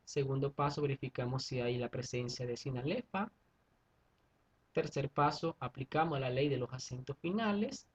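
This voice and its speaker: Husky-voiced male teacher, methodical. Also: mid-range voice, moderate pace. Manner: methodical, repeats steps and checks in with students. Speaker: secondary school teacher. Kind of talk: online class explanation.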